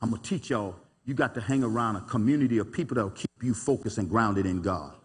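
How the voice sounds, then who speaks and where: A man preaching a sermon as pastor, animated and folksy, with call-and-response asides to his congregation. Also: on the low side, quick pace, breathy edge, big-room sound. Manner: folksy, colloquial speech. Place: church sanctuary.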